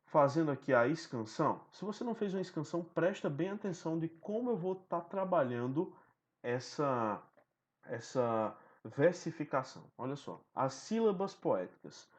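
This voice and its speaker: Lively man teaching a lesson. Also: fairly high pitch, moderate pace. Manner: explanatory, asks the listener questions often. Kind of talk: recorded online lesson. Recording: dull lo-fi sound.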